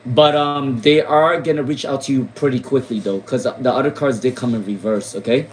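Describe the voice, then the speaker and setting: A man from Rhode Island with a mid-range voice gives casual tarot readings on a live stream, speaking at normal speed. As a tarot reader, he repeats names and questions and uses many fillers, and the recording quality is low.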